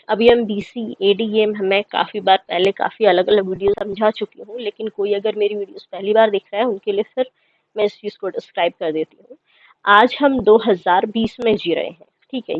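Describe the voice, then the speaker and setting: A woman's voice: mid-range voice, no room sound. Woman, 30s, teacher explaining lesson step by step; tinny lo-fi sound. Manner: explains step by step, checks in with "ठीक है". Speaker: history teacher. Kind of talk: lecture reading English text and explaining in Hindi. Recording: dry, tinny phone-like sound.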